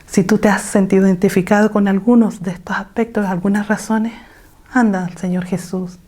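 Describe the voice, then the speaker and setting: Woman, women's Bible teacher on a video call, mellow and exhortative. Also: medium pitch, steady tone, brisk. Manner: exhortative, asks the listeners rhetorical questions. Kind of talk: online women's Bible lesson.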